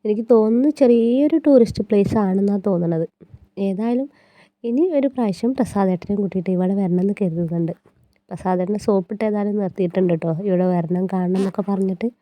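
A woman narrates a casual travel vlog while riding on a bus. Her voice is very dark and mellow, and a cold has left it stuffy and congested. She chats in a friendly, homely way, tacking small asides onto her sentences. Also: medium pitch, fast talker, no room sound. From north Kerala. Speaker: travel vlogger.

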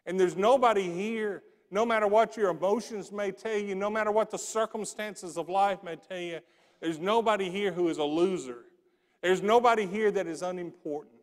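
Middle-aged male pastor, emphatic pulpit preaching, slightly high voice, reverberant sanctuary. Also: normal speed. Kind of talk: sermon. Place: large church sanctuary. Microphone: pulpit mic. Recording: long church reverb.

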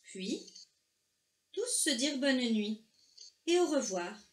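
Slow gentle woman reading a children's story. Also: high-pitched, big pitch swings. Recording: echoey room, faint noise.

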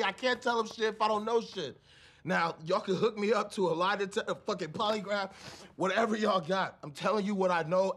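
A young man playing a cornered getaway driver in a film, husky, streetwise, profane and defensive. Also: lowish voice. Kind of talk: naturalistic film interrogation acting. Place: indoors, lamp-lit hotel suite.

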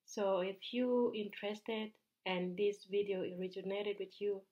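A Ugandan woman in her thirties speaks straight to the camera in a bright room, her voice in a middle pitch. She pitches earnestly and persuasively, stumbling and restarting now and then. The sound is a little dull and lo-fi. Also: steady tone, a little slow. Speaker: business mentor. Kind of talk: direct-to-camera sales pitch.

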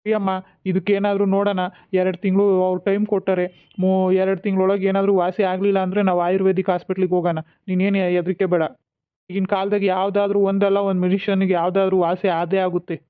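Voice actor doing a calm reassuring young husband. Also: medium pitch, quick pace, clear, resonant tone, lightly acted. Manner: patient, persuasive reassurance. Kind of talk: cartoon voice acting. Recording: tinny phone-like sound.

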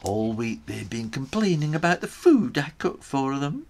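A crafty, chatty Scottish islander spins his yarn in a put-on Scottish accent, as a man puts him on. His storybook voice swoops high and low with plenty of sly relish. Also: normal speed, vocal fry. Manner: lively, sly first-person storytelling. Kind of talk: storytime reading in character.

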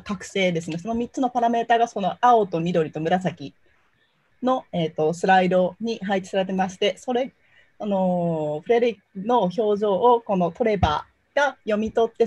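A woman's voice: medium pitch, a little mellow, no room sound. A woman summarizing a presentation for the audience, hesitant and apologetic, searching for words. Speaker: interpreter summarizing.

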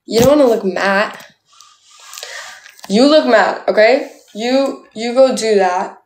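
A young Canadian woman chats playfully with viewers on a livestream, filling her speech with "like," while holding a phone at arm's length in a small indoor room. Her voice is fairly high, slow and slightly mellow. The recording is low quality and reverberant.

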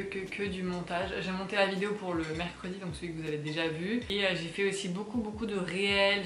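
A woman's voice: mid-range voice, fairly bright tone, echoey room, a little hiss or hum. A young woman from France chatting casually to camera in her apartment, rambling with lots of fillers. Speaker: vlogger. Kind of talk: casual vlog chat. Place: apartment, indoors.

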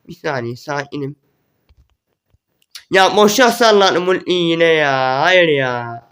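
A young man giving excited gameplay commentary, repeating words in quick bursts as the match unfolds. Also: on the high side, clean tone. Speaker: gaming YouTuber.

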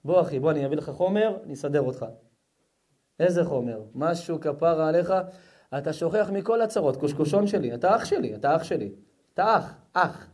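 A man voicing a smooth-talking young male friend who pushes drugs, chummy and coaxing in street slang, his voice dropped lower and softer. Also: lively intonation.

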